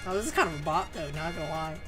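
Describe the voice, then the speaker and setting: A woman's voice: low voice, racing, music in the background. A young woman streamer giving casual game commentary in a teasing, foul-mouthed, slangy way.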